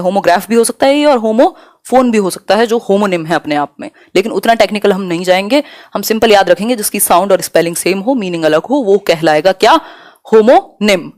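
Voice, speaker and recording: A young woman with a fairly high voice runs a live online exam-prep lesson. She explains each term step by step, mixing in English words, and slows right down when she reads a question out. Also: no echo, studio quality. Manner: explains in Hindi mixed with English terms, slows to read questions aloud. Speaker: teacher.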